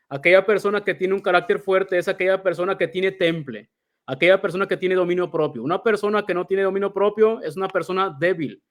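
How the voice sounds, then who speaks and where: High-voiced man teaching from the Bible. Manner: addresses listeners as brother, acts out examples.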